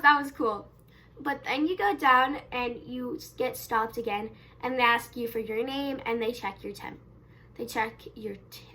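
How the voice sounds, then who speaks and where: A young woman chats straight to her camera in a rambling, unpolished way. She fills gaps with "um" and "basically" and keeps correcting herself, with her loudness and pace rising and falling. Her voice sits high and sounds bright. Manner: wide swings in loudness and pace. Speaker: YouTube vlogger. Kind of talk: casual camera vlog storytelling.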